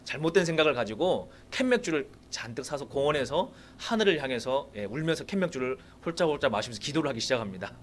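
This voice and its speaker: A man's voice: mid-range voice, fast talker, hardly any pauses, a little hiss or hum. A man giving a sermon with a personal testimony in a church, telling his story with animation and turning to the congregation with questions. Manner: animated storytelling, acting out his own prayers; addresses the congregation directly with rhetorical questions. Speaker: guest preacher at a revival meeting. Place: church sanctuary.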